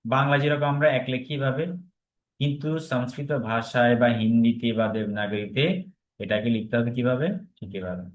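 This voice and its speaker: পুরুষ শিক্ষক, ধীরে ধীরে শব্দ উচ্চারণ করে শেখাচ্ছেন. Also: male voice, mid-range voice, fairly even intonation. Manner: patient, repeats each word slowly for students to copy. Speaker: Sanskrit teacher. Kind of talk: online class teaching.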